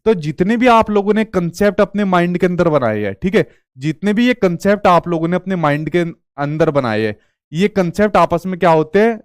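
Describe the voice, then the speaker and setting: A man's voice: high voice, lively intonation, clear, resonant tone, dry recording, studio quality. Man teaching an exam-prep lesson. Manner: explains slowly, asks and answers own questions.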